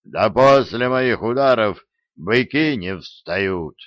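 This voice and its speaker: A male narrator voicing a hulking, boastful giant who talks loudly and brags, in a dull, dry recording. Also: fairly low pitch, animated, slow, no room sound. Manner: loud, bragging. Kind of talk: audiobook character voice.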